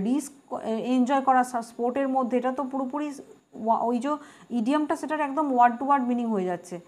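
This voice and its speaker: A woman's voice: high-pitched, darkish tone. A woman teaching an exam-prep grammar lesson, explaining words patiently, repeating them and spelling them out letter by letter. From West Bengal.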